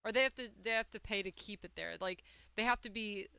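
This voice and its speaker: A young woman chatting casually and excitably during a live gaming stream. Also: medium pitch, fast, creaky, smooth, dry recording. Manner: chatty, excitable, heavy use of "like". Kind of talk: casual chat while gaming.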